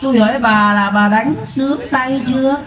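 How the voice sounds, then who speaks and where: A woman's voice: sits high, fairly even intonation, moderate pace, roomy sound, some chatter behind, lightly acted, low-quality recording. A woman playing a teasing male neighbor who mocks the wife's drinking husband in a live comedy skit. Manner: dry, teasing, mocking.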